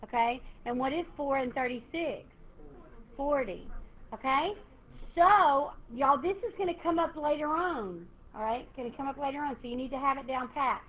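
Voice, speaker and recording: A woman math teacher, lecturing her class in a lively, encouraging way and quizzing students. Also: high voice, moderate pace. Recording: tinny phone-like classroom recording, faint hiss.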